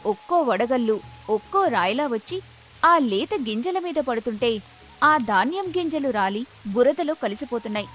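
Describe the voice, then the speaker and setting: A woman telling a moral story in scripted, measured narration. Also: fairly high pitch, expressive.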